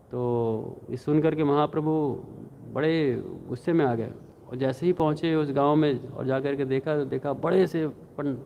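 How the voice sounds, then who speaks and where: A man giving a devotional scripture class, telling stories and acting out the quotes with animation. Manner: animated, acts out quotes with rising pitch. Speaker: devotional lecturer. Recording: tinny phone-like sound.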